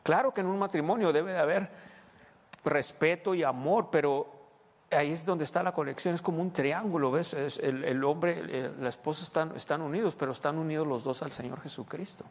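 A man's voice: a little high, fairly quick, in a large hall. A man from Sonora with a northern Mexican accent, preaching a storytelling sermon in a church, chatting with the congregation and tossing in tag questions.

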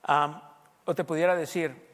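A man delivers a conversational sermon, pressing his listeners with rhetorical questions and slipping in English phrases now and then. His voice sits somewhat high for a man, and a long reverb trails behind his words. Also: moderate pace. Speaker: preacher. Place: U.S. Southwest.

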